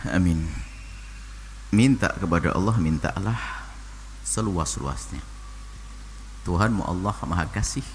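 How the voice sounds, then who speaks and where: A man preaching and answering a listener's question, talking in an animated way that swings from low and soft to high exclamations. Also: measured pace, pauses often. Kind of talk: sermon. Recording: long hall reverb, faint noise.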